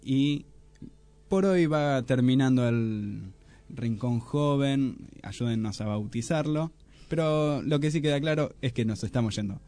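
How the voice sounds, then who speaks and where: Argentine guy hosting a radio bit, warm mellow voice, brisk announcing. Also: medium pitch, no room sound. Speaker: radio segment host. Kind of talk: radio sign-off.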